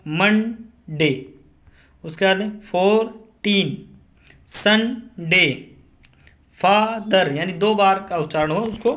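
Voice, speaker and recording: Guy teaching english grammar, pretty high voice, goes slow and says everything twice. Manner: repeats each definition slowly, asks and answers his own questions. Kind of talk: classroom-style grammar lesson.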